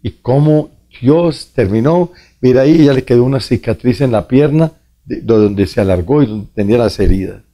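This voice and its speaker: Earnest priest, mellow voice. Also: male voice, medium pitch. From Colombia. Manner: slow, earnest storytelling, addressing the viewer directly. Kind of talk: preaching testimony.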